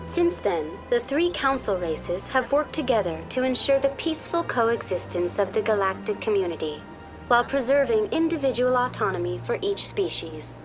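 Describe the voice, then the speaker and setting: A woman voicing a courteous virtual intelligence guide in a science fiction game, formal, measured and impersonal. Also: fairly high pitch, expressive, over music, lightly acted. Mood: polite, composed. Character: courteous female virtual intelligence tour guide on a space station. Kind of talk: scripted informational game dialogue.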